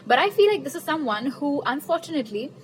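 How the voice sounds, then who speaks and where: A woman's voice: high-pitched, big pitch swings, fast, a little hiss or hum, rough recording. A woman reading tarot cards in a casual, chatty way, repeating her questions to Spirit and laughing at her own jokes. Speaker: tarot reader.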